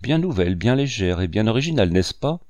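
A man's voice: lowish voice, sing-song, fast talker, a little mellow, dry recording. A man voicing a vain, fussy young married woman who chatters petulantly about herself in a storybook reading. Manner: petulant, self-absorbed chatter.

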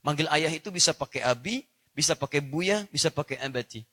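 A man preaching a sermon, animated, acting out dialogue with shifting pitch. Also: a little fast. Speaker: Islamic preacher.

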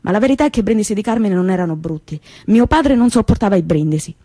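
An actress with a Calabrian accent playing a young woman from Reggio, telling her memories in a lively, colloquial theatrical monologue. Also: medium pitch, fast talker, dry recording, natural voice. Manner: lively storytelling, repetitive and colloquial.

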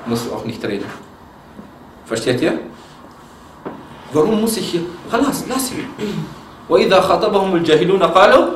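With a slightly high voice, a lively Islamic preacher delivers a religious lecture, mixing Arabic quotes into German and asking the audience questions. The sound is far off and echoey, with a faint layer of noise.

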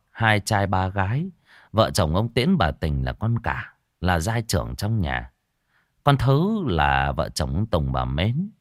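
A man narrating a ghost story in a lively, folksy, colloquial way. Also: sits low, no echo, clean studio sound.

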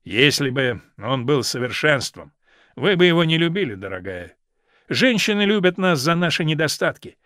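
Man doing a drawling cynical aristocrat who lives for paradoxes; animated and dry. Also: fairly high pitch, moderate pace, no room sound. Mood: ironic. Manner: urbane, ironic, epigrammatic. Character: witty cynical aristocratic gentleman, epigram lover.

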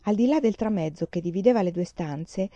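A woman reading a children's novel aloud in a calm, measured storytelling manner. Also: medium pitch, no echo, dull audio. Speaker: reader. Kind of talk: audiobook narration.

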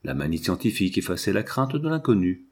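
A man narrating a novel as an audiobook reading, in a measured literary way. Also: on the low side, very animated, a little mellow.

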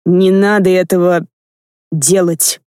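A woman's voice: lowish voice, level tone, dark tone, clean tone, no room sound, studio quality. A woman voicing a restrained, curt male security officer and mage in an audiobook. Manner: curt, clipped, measured.

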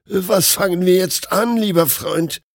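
A man's voice: sits high, measured pace, no room sound, studio quality, pitched above the performer's own voice. A man voicing a terrified young male doctor who gasps and pleads in panic. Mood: shaken.

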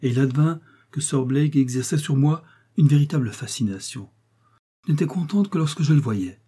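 A frail, tearful servant woman, as a male reader puts her on, trembles and sobs through her pleading. The voice sits higher than the reader's own, dark and husky. An audiobook figure. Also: normal speed. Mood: tearful confession. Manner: trembling, sobbing pleas.

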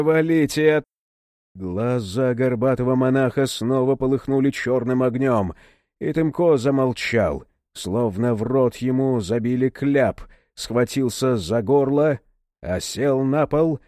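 Mellow-voiced male audiobook narrator. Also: mid-range voice, no echo, studio quality. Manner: lively, dramatic reading. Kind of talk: scripted narration.

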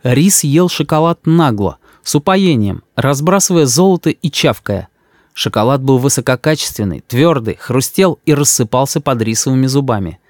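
This male audiobook narrator reads a scripted story aloud, bringing expressive storyteller energy to it. The voice sits at medium pitch, moves at normal speed, and the studio sound is clean with no room echo.

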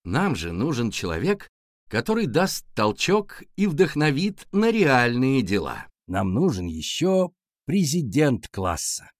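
A man voicing a stern but kind male schoolteacher in a lower, measured, lecturing tone with a husky voice. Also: huge pitch swings, no room sound, clean studio sound. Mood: patient, lecturing.

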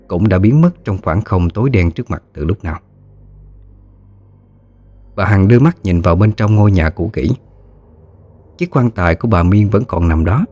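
A man narrating a ghost story in a steady, scripted storytelling manner. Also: deep voice.

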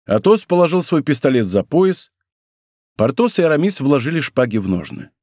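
A man narrating a classic adventure novel as an audiobook, in an expressive, theatrical manner. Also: a little high, normal speed, dry recording, studio quality.

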